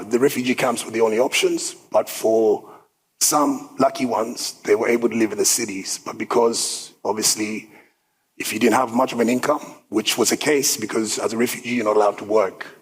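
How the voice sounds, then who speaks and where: A South Sudanese man in his thirties, appearing as a guest speaker in an event hall, shares his own story in an upbeat, conversational talk full of filler words. His voice is medium-pitched with a breathy edge, and the recording quality is poor.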